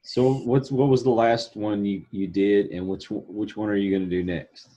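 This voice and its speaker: A man chatting casually as an interviewer, informal and animated, acting out his reactions. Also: fairly low pitch, normal speed. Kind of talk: casual chat.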